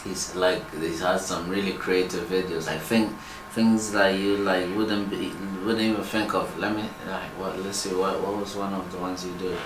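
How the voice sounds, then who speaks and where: A man's voice: level tone, moderate pace, few pauses. Man in echoey room, casual storytelling. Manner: retells comedy skits, acting out lines in a high voice. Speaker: podcast co-host. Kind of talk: casual chat. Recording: echoey room with faint hiss.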